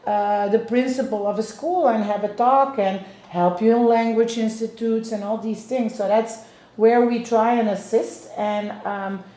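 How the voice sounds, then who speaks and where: A woman from Belgium in her fifties, a real estate agent, interviews clients in an easygoing chat, with long explanations and many restarts. Her fairly high, dark voice has fairly even intonation and moves a little slowly, in an echoey room.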